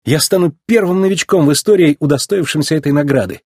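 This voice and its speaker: A man voicing a cocky young race car in a storybook reading, with a quick, eager, husky voice. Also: on the high side, a little mellow, no room sound, clean studio sound, pitched above the performer's own voice.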